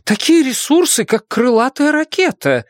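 A man's voice: lively intonation, unhurried, dry recording, studio quality. A man reading an audiobook, voicing a flustered middle-aged woman who serves as a town official. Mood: eager. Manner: high, shrill and indignant. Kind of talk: audiobook character voice.

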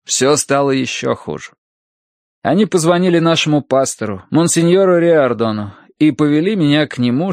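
A man reads a story aloud, his voice rising and falling with animation. The sound is close and dry, with a middle pitch and an expressive storytelling manner. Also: no echo. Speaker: audiobook narrator. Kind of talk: expressive audiobook reading.

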